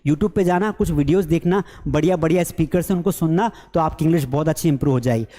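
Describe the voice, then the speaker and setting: A man teaching an online spoken English class, lively and teasing, who acts out his learners' mistakes. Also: a little high, quick pace, big-room sound.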